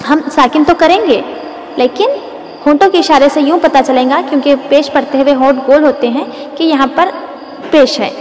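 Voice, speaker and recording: A woman teaching the rules of Quran recitation, explaining patiently and drawing out each example word. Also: high-pitched. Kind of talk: tajweed lesson with demonstrations. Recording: echoey room with long reverb.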